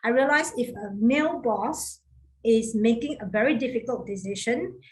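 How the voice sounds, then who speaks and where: A middle-aged woman moderates an online panel, her voice sitting a little high. She speaks briskly and hands the floor to each speaker by name. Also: rough recording.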